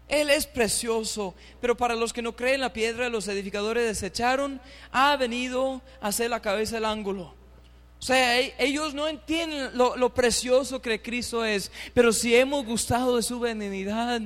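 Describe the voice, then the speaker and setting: Male pastor, high-pitched, fervent sermon delivery, reads scripture and leads the congregation in call-and-response. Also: fairly even intonation, normal speed, long reverb tail. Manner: fervent, climbs to loud, high emphatic bursts; reads scripture aloud and calls for the congregation to repeat. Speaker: preacher.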